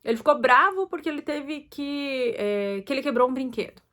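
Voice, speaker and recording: A woman's voice: sits high, expressive, moderate pace, pushed and bright. Chatty woman giving parenting advice. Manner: chatty, loose, many fillers and self-corrections. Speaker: host talking to parents. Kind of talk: casual advice talk.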